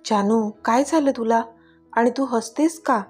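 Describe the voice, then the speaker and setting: A woman voicing a caring young husband who talks in a worried, hurried way in a storybook reading. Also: a little high, a little mellow, slightly rough, faint music behind.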